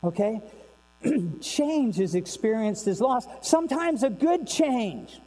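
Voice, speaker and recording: Male preacher, high voice with a mellow tone, chatty sermon full of rhetorical questions, long reverb and faint hum behind. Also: animated, takes it slowly. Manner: conversational, rhetorical questions, swings between loud and hushed.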